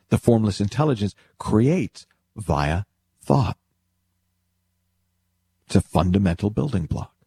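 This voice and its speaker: Deep-voiced man giving an explanatory talk. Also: gravelly, mellow, breathy edge. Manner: emphatic, rhetorical, addresses listener directly. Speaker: speaker teaching spiritual principles.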